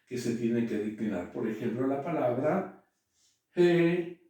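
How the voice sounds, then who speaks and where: A man giving a classroom lecture, halting, with frequent "eh" and checks that students follow. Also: mid-range voice, warm tone. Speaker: teacher. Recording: echoey room, voice from far off.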